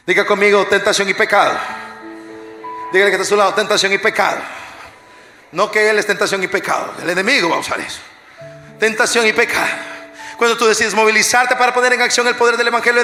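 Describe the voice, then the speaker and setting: A male pastor preaches in a high, ringing voice with a bright edge. He leads his congregation in call-and-response, jokes with them, and drops from shouted war cries to near-whispers. The live recording rings with a long church echo and faint music behind. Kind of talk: energetic sermon. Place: large church hall.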